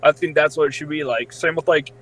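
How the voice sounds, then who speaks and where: A man's voice: fairly high pitch, fairly even intonation, fast talker, low-quality recording. Chatty young man, rambling a lot. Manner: rambling, heavy use of "like". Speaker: podcast co-host. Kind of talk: casual chat.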